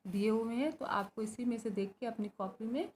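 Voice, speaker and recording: A woman's voice: a little high, a little fast, darkish tone, a little hiss or hum. A woman teacher with a Rajasthani Hindi accent, explaining grammar step by step and answering her own questions. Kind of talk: grammar lesson. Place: school.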